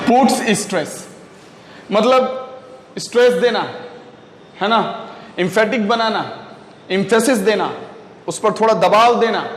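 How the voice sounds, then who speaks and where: Slow-speaking man teaching in an echoey room. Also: sits high, slight background noise. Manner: switches between English and Hindi, explaining slowly with repeated checks. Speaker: English teacher. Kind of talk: classroom grammar lesson.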